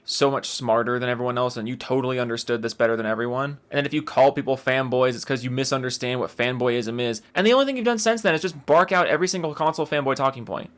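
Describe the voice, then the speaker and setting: A man's voice: medium pitch, fast talker, few pauses. A man giving casual reaction commentary, talking in a sarcastic, mocking, exasperated way and swearing freely. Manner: profane, exasperated.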